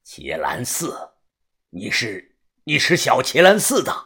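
A storyteller voicing a cocky, crude male martial arts master who drawls slowly and mockingly. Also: medium pitch, big pitch swings, a bit bright, husky, pitched below the performer's own voice, heavily acted. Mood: amazed.

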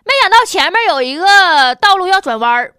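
High, bright-voiced woman with Northeastern Chinese accent. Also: big pitch swings, fairly quick, no room sound, clean studio sound. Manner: sarcastic, mocking, colloquial. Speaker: host. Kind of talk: comedic news commentary.

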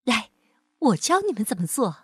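A woman voicing a bossy, meddling neighbor auntie in a storybook, lecturing briskly. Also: fairly high pitch, big pitch swings, slightly rough, no echo, studio quality, heavily acted. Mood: advising.

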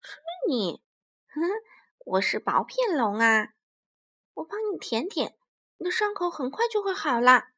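A kind, gentle male sea reptile, voiced by a woman reading a storybook speaks in a soft, high voice. His tone is caring, and it rises and falls in a lilting, animated way. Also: unhurried, long pauses, exaggerated voice.

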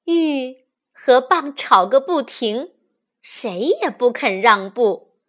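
Slow, high-voiced woman reading to children. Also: expressive. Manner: gentle, addresses listeners as darlings. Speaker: children's textbook reader, host. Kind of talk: storytelling for children.

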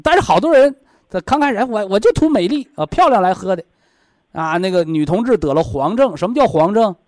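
A high-voiced man with a Northeastern Chinese accent gives folksy health advice. His intonation is very lively, and he repeats points in plain, colloquial words. The sound is dry, with little room on it. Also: fairly quick, no room sound. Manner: colloquial, explains with homely analogies and repeats himself. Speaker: health expert advising callers on a radio programme.

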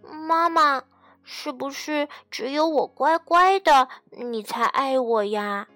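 Lady doing a little storybook girl, high and eager, asks and asks, slow careful questions. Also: sharp tone, no echo, faint music behind, heavily acted. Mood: pleading. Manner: pleading questions, childlike.

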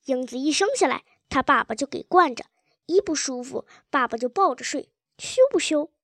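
Gentle mom soothing her kid, woman reading it, high-ish and dry. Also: animated, moderate pace, no room sound. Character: caring mother of a young girl. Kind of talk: storybook reading.

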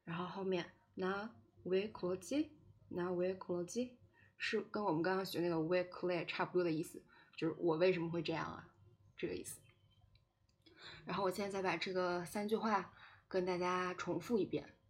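Lady teacher doing a relaxed little language lesson, chatty, says words twice slow. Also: fairly low pitch. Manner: chatty, repeats words slowly for learners. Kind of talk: casual online language lesson.

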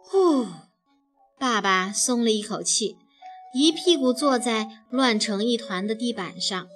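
A woman narrating a children's story in an expressive, animated way. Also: a little high, measured pace, faint music behind.

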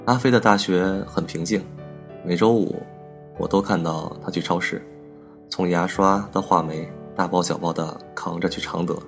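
Deep gravelly male storyteller. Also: steady tone, normal speed, faint music behind. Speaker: storytelling podcast host. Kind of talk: reflective story narration.

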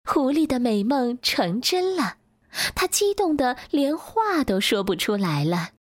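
Lady reading a kids story slow and gentle, voice goes way up and down, dry close mic. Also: high voice, big pitch swings, no echo. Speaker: children's story reader.

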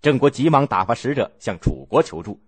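A man narrating an old history story in an expressive storytelling manner. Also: mid-range voice, fairly quick, breathy edge, no echo.

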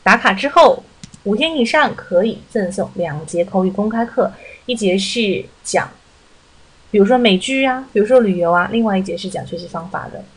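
A woman teaching vocabulary in a friendly, chatty way, slowly repeating words to show how they are said. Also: medium pitch, expressive, slightly rough, poor audio. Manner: slowly repeats English words to stress the pronunciation. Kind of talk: vocabulary lesson podcast.

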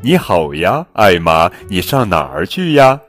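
Brief: worried lion parent, loud exclamations, storybook, voiced by a man. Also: deep voice, big pitch swings, a little slow, soft background music, exaggerated voice. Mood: friendly.

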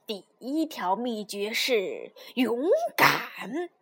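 A woman voicing a wise, crafty old male grandpa toad who speaks slowly and low. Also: big pitch swings, bright, forceful tone, husky, heavily acted. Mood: calm.

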